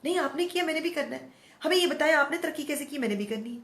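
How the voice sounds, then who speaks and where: A middle-aged woman host with a hoarse throat, talking outspokenly in a casual monologue and mixing in English words. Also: sits high, fast talker. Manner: outspoken, animated, mixes English words into Urdu. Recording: echoey room, no proper mic.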